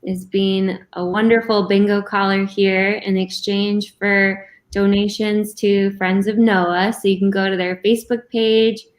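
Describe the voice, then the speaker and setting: A woman with a mid-range voice hosts a casual live-streamed bingo game. She talks at a slow pace, chatting informally to the players. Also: mid-range voice, flat delivery. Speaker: co-host of a live online bingo event.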